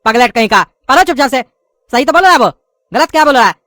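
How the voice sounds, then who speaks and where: A woman's voice: high-pitched, expressive, fast, a bit bright, dry recording. Woman playing an impatient scolding cartoon schoolteacher. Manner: scolding, corrects pronunciation. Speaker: teacher.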